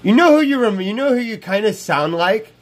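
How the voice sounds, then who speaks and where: Over a wired earbud headset mic in a small room, a man in his thirties chats rambling and live on stream, his high voice animated and brisk. He's brash, swears freely, and says the same things again and again.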